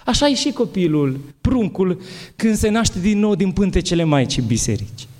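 An Orthodox bishop with a high-pitched voice gives a spiritual talk and answers questions in a large hall. He speaks in an animated, halting way, restarting his sentences often.

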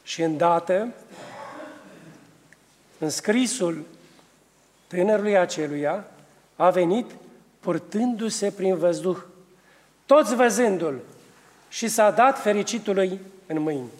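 A man's voice: high voice, pauses often, a little mellow, big-room sound. A man preaching, reading a saint's life aloud in a solemn manner with small restarts.

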